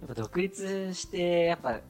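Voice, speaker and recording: A man hosting a podcast in casual chat, upbeat and quick to laugh. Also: sits high, lively intonation, darkish tone, faint music behind. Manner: upbeat, fast talker who laughs easily. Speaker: podcast host.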